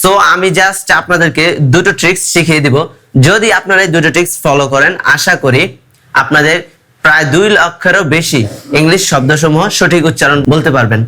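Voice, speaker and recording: Bright-voiced teenage boy teaching class. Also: on the high side. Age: teens. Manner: explains slowly, spells words letter by letter. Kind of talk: classroom lesson.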